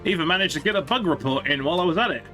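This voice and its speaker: A man streams a game and chats casually with his viewers, talking very fast in a bright, forward tone. His pitch jumps around animatedly with lively intonation as he rambles and thinks aloud, while faint music plays underneath.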